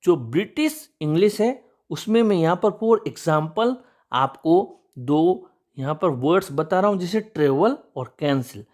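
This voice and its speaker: A man's voice: on the high side, animated, unhurried, a little mellow. A man teaching English spelling rules, patiently walking through one example after another and calling his viewers friends.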